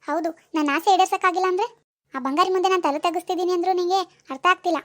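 Woman doing a sulky demanding young village woman, cartoon voice, very high-pitched, quick, sarcastic scolding tone. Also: fairly even intonation, a bit bright. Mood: angry. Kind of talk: cartoon dialogue voice acting.

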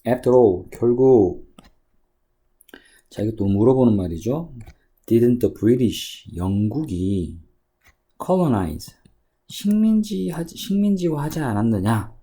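Slow, husky male English tutor. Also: mid-range voice, big pitch swings, warm tone. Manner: reads English phrases slowly, then explains them. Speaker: English teacher. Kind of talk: exam passage walkthrough lecture. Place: cram school lesson recording.

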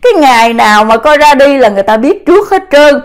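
A woman talks to her viewers in a loose, rambling way, with a fairly high voice. She strings her thoughts together with many fillers and keeps turning to address her audience directly. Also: animated, fast. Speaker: spiritual vlogger. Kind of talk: casual spiritual talk to viewers.

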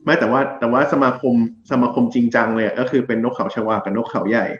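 A man's voice: mid-range voice, fairly even intonation, fast. A man hosting a podcast in casual chat, explaining things in detail. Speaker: podcast host. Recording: roomy, dull lo-fi mic.

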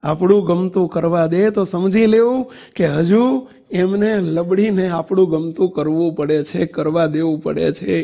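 A man preaches to a temple congregation in a high, gravelly voice. He tells his stories with animation, acts out the people he quotes and keeps asking the listeners for answers. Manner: animated storytelling, acts out quotes, asks the audience questions. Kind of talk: devotional sermon to a congregation. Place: temple assembly hall.

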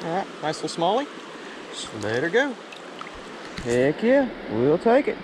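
A young fishing vlogger wades a river, narrating casually in a lively, high voice full of excited, folksy exclamations. His head-mounted action camera picks up loud rushing water.

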